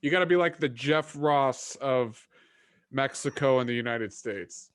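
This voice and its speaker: A man's voice: medium pitch, measured pace. A man co-hosting a show, bantering crudely and teasing strangers on video chat. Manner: joking, profane, teasing strangers. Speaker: podcast co-host.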